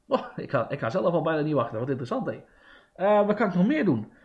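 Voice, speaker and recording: A man hosting a casual podcast, excitable and rambling, poking fun at himself. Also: on the high side, fast talker, muffled recording. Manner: excitable and rambling, self-mocking. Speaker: podcast host.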